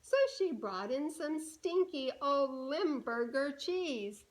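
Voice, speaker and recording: Reading aloud to little kids, this high-voiced woman stays lively and measured, pausing now and then to pose questions to them. The audio quality is poor.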